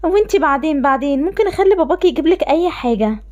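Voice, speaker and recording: An offhand, dismissive mother, voiced by a woman with an Egyptian accent, pitched a little below her own voice but still high. She speaks quickly in a game-animation story. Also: lively intonation, darkish tone, dull audio. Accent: Egyptian Arabic. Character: indifferent mother who favors one daughter.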